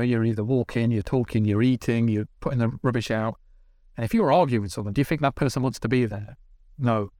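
A man, a TV director, telling animated casual stories on a podcast, swearing and acting out what people said. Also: mid-range voice, dry recording, studio quality. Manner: animated, swearing, acts out dialogue. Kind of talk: casual storytelling. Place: podcast studio.

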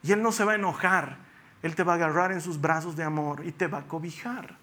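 A man delivering a heartfelt sermon in a fairly high, bright and forceful voice. He tells stories from his own life, then slows right down and drops to a soft hush to drive a point home. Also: slight background noise. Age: adult with young children. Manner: earnest, slows and softens on key phrases. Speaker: preacher. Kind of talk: sermon with personal storytelling.

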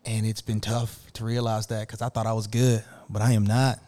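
A man's voice: lowish voice, level tone, brisk, dark tone. A young man co-hosting a casual podcast chat, upbeat and easygoing, laughing often. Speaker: podcast co-host.

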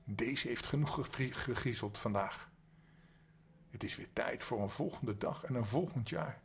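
Older man, husky, bedtime storyteller. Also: mid-range voice, a little slow, faint music behind. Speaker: grandfather storyteller.

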